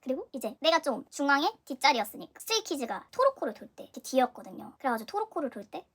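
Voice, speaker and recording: A young Korean woman telling a story in a casual vlog, animated and dramatic, acting out her own reactions. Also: high voice, fast. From South Korea. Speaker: vlogger. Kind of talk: casual storytelling concert review.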